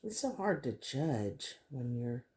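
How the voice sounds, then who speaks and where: Warm and bass-deep, this woman's voice has a sing-song lilt and an unhurried pace. She's a craft vlogger running a resin tutorial, talking casually to her audience and musing aloud as she crafts.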